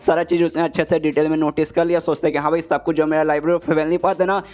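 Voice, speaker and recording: A man's voice: on the high side, level tone, racing, darkish tone. A man narrating a comic recap casually, slangy and chatty, peppered with filler words. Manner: slangy, keeps saying "bhai" and "na".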